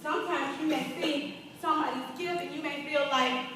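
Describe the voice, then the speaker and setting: A young adult woman pastor preaching a sermon in an animated, playful way, laughing between lines, in a large church from a distance. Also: high voice, moderate pace, very echoey.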